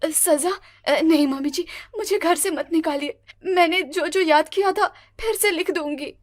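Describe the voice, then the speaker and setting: A woman's voice: very high-pitched, unhurried, dry recording, studio quality. A woman voicing a timid, naive young daughter-in-law in a cartoon, stammering and pleading. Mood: wailing. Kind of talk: cartoon voice acting.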